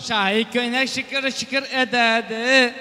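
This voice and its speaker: A man's voice: extremely high pitch, steady tone, unhurried, pushed and bright. A man offering celebratory good wishes as a toast at a wedding. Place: wedding hall. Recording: echoey hall, background noise. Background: ambient noise.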